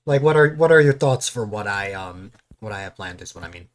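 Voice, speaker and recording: Young streamer guy, lowish voice, lots of ums, faint music under him. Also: lively intonation, fairly quick. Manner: hesitant, with many ums. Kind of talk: casual voice chat.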